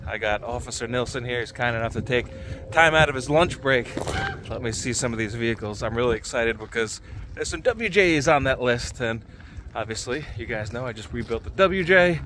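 A man in his thirties vlogging casually while walking through an outdoor car lot, excited and chatty, filmed on a handheld camera at arm's length. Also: medium pitch, a little fast, a little hiss or hum. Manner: excited, chatty, laughs often. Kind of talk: casual vlog walkthrough. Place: outdoor impound parking lot.

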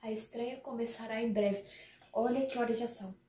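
A young woman hosting a casual live reaction, excitable and dramatic, often dropping to soft murmurs. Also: on the high side, normal speed. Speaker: reaction video host. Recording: echoey room with faint music.

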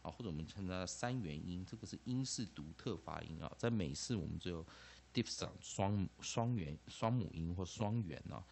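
A man's voice: deep voice, normal speed, gravelly, slight background noise. A man with a Taiwanese Mandarin accent, giving a classroom-style English phonics lecture, who keeps tagging phrases with "ah" and "ha" and repeats key terms. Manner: lively, peppers phrases with 'ah' and 'ha', repeats terms. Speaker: English teacher.

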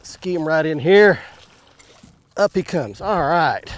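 Excited man narrating bass fishing from a boat. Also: slow, dry recording. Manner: excitable, exclaiming while fighting fish. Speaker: fishing show host. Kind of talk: excited on-the-water commentary. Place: bass boat on a lake, outdoors.

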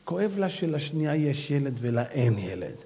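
A man, a rabbi, giving an animated, exhorting sermon and telling stories. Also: a little high. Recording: long hall reverb.

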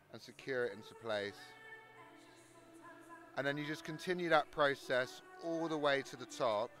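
A man in his thirties with a South London accent talks through his hairdressing work in an interview, demonstrating his technique backstage in a large exhibition hall. His voice sits in the mid-range and sounds a bit bright, picked up on a handheld microphone.

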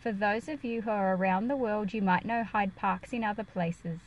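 A woman reads a picture book aloud at a normal pace in a mid-range voice, carefully explaining it to children like a teacher and enunciating for young listeners. The recording's highs are cut off.

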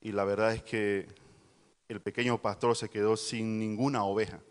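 A man's voice: on the low side, flat delivery, moderate pace, clean tone. A man preaching to a youth service, telling a fable and quizzing the congregation. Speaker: pastor. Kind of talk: youth sermon storytelling. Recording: long hall reverb.

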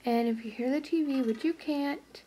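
A young woman vlogging her morning routine at home, soft-spoken and halting, often dropping to a half-whisper. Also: sits high, recorded from a distance, slight background noise. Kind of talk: casual vlog narration. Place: home, bathroom and bedroom. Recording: echoey room at home.

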